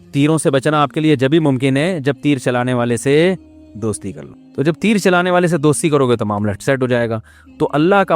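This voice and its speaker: Male religious scholar, higher voice, storytelling lecture style, light music bed. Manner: lively storyteller, acts out dialogue, laughs at own jokes. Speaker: Islamic scholar giving a talk.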